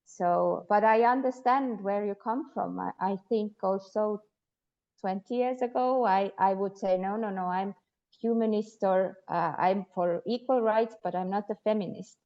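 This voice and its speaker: A woman's voice: mid-range voice, unhurried, dull audio. A woman from Estonia, a guest sociologist answering interview questions thoughtfully with frequent hesitations. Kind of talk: interview conversation.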